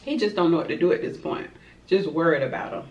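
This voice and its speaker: A woman's voice: low-pitched, fast talker. A woman telling a dramatic story to her viewers while eating, with chatty asides. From Florida, USA. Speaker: mukbang vlogger. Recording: roomy, distant, dull-sounding home recording.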